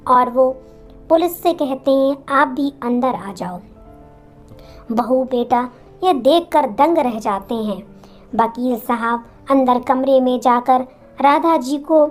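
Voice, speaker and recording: Slow, dramatic woman storyteller. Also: high voice, darkish tone. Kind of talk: emotional moral story narration.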